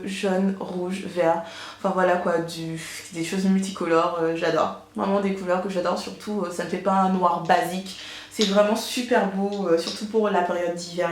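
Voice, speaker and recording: A woman's voice: medium pitch, a little mellow. A woman presenting a casual beauty haul, chatty and enthusiastic, with many fillers, recorded on a camera mic at home. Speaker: beauty vlogger. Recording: echoey room.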